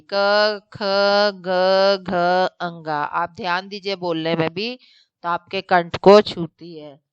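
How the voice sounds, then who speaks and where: A woman teacher giving a recorded online lesson, explaining slowly step by step with examples and checking in with her students. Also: fairly low pitch, clean tone, no echo, lo-fi sound. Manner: addresses students directly, checks with "theek hai".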